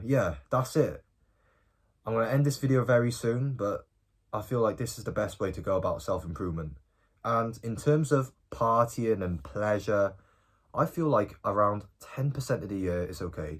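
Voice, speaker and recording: Speaking at normal speed in a fairly low voice, an eighteen-year-old guy addresses the camera informally in his self-improvement vlog. Lively and casual, he keeps tacking "bro" and "okay?" onto his sentences.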